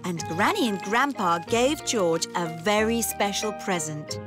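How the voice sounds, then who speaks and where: A woman voicing a gentle, patient mother pig in a children's cartoon, speaking calmly. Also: medium pitch, unhurried, over music, natural voice. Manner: calm, kindly storytelling tone. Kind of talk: cartoon voice acting.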